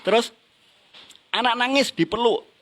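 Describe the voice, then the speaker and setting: A man's voice: extremely high pitch, unhurried, fairly bright tone. A middle-aged man gives a motivational seminar talk, teasing the audience with questions and laughing along. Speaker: business motivational trainer.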